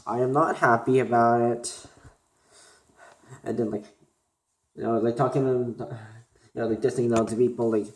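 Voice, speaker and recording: A man's voice: medium pitch, fairly even intonation. Young guy from korea just talking to cam, lots of uh and like, kinda echoey room. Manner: halting, many fillers and restarts. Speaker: student vlogger. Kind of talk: unscripted talk to camera. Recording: roomy echo.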